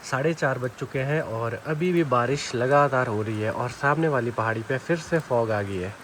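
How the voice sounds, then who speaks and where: A man's voice: mid-range voice, normal speed, fairly bright tone, a little hiss or hum. A young man chatting casually as he vlogs his rainy day in the hills and a car ride, easygoing and teasing. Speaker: vlogger. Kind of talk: casual vlog narration. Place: outdoors in hills and in a car, rain.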